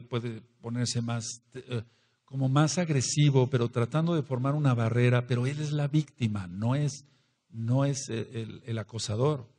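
A man's voice: medium pitch, warm tone, breathy edge. A man who leads a congregation, giving a sermon in an earnest teaching manner and repeating key words for emphasis. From Mexico. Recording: long hall reverb.

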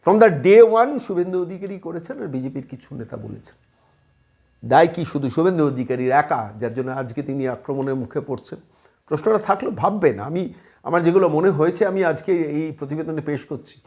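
A man's voice: on the high side, animated, normal speed, a little mellow. A man from West Bengal, delivering impassioned political commentary in a hectoring way, firing off rhetorical questions.

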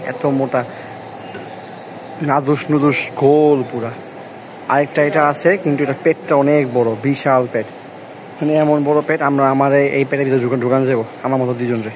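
A young man walking through a large covered cattle shed at night, filming on a handheld phone and excitedly narrating a tour. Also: medium pitch, a little hiss or hum. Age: young adult. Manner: excited, chatty, gushing over the animals. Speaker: vlogger touring a cattle farm. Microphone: handheld phone camera.

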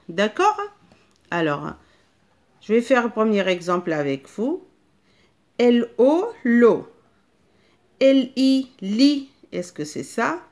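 Slow, patient woman teaching children. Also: mid-range voice. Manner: slow, patient, spells out syllables. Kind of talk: remote lesson to young children.

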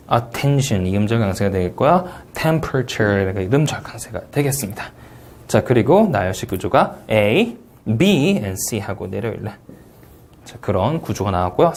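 A man lecturing on an English speaking exam, with a Korean accent, asking questions and answering them himself. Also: fairly low pitch. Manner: animated, asks and answers his own questions. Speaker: TOEIC Speaking instructor. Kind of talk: recorded exam review lecture.

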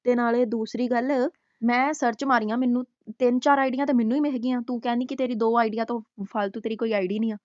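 A woman roasts someone in a taunting, scolding way, firing off rhetorical questions. Her voice sits fairly high but sounds mellow and warm. The recording is dry and a little dull, like a lo-fi voice track. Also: steady tone, fast, dry recording. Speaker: YouTube roast host.

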